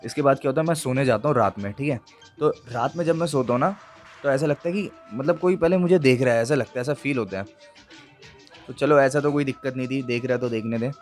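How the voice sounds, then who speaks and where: A man's voice: mid-range voice, a little mellow. A young man tells his own ghost story in a casual, chatty way. He talks to his viewers directly and keeps checking in with fillers as he goes. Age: young adult. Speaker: YouTube storyteller. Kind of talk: casual first-person ghost story narration.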